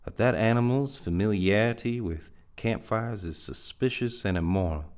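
Gruff, stubborn backwoods trail man with a low voice and folksy drawl, read by a man. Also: normal speed, a little mellow, close to an everyday voice. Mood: musing. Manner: folksy backwoods drawl, hot-tempered outbursts. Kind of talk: dramatic reading.

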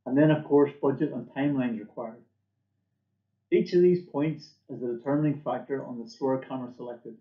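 A middle-aged man presents a company product from a script while sitting at a desk indoors, speaking briskly at a medium pitch. The clip comes from a webcam in an indoor room, and the audio is muffled and dull amid room echo.

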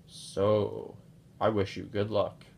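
A man voicing a polite, kindly old male barman in a low, gravelly voice. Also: level tone, takes it slowly, a little mellow, a little hiss or hum.

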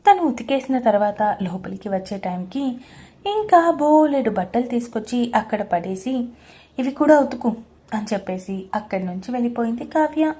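Woman, storyteller, scripted audio story narration, fairly high voice, expressive. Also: moderate pace.

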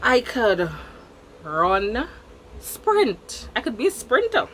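A woman's voice: a little high, wildly swooping pitch, takes it slowly, a bit bright, a little hiss or hum, poor audio. A young woman with a Guyanese Creole accent tells a personal story in casual chat, repeating words for emphasis. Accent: Guyanese Creole English. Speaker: vlogger.

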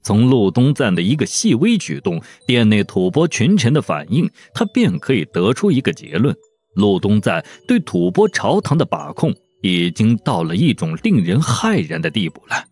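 A man narrating a novel as an audiobook with expressive storytelling. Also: on the low side, normal speed, breathy edge.

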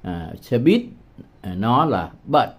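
A man from Vietnam teaching English words in a patient tutorial, repeating each word slowly with hesitation sounds. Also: mid-range voice, sing-song, noisy background. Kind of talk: slow, patient screen-demo tutorial.

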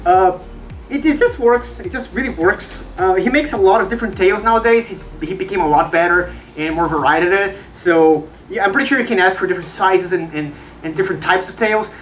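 A woman's voice: lowish voice, brisk, distant mic. A woman from Brazil, speaking from inside a fursuit head, chatting casually through a review with lots of fillers and repeated words.

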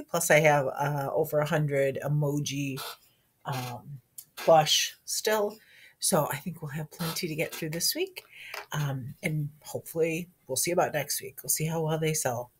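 A woman with a hoarse morning voice giving a school's morning announcements to young children, chatty and friendly, talking to a camera. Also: low-pitched. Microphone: speaking to a camera.

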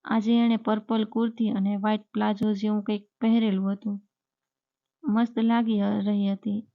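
A woman narrating a scripted first-person story in a steady, even reading voice. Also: medium pitch. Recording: dull lo-fi recording.

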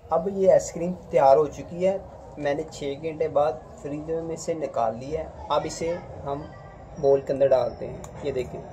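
A man calmly talking through a recipe step by step as a cooking presenter. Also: on the high side. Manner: calm, unhurried instructions. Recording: noisy home recording.

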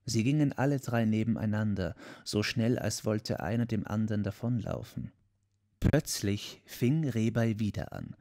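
A man reading a classic story aloud as an audiobook narrator, measured and storytelling. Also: on the low side, warm tone.

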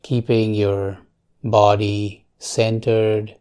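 Calm and measured, a male meditation guide speaks short phrases separated by long pauses, his voice on the low side and clean in tone.

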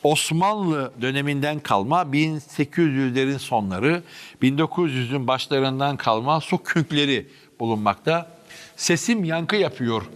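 A man guiding viewers through underground stone tunnels, speaking eagerly and straight to the audience, his voice echoing off the stone walls. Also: fairly high pitch. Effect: voice echoing in an underground stone chamber. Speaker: history vlogger guiding an underground tour. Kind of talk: walking commentary to viewers. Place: underground cistern tunnels, indoors.

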